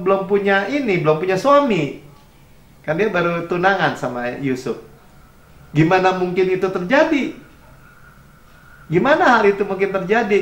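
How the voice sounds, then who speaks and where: A man's voice: high-pitched, echoey room, lo-fi sound. A man preaching a sermon as pastor, conversational and chuckling, slipping English phrases into his talk. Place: church.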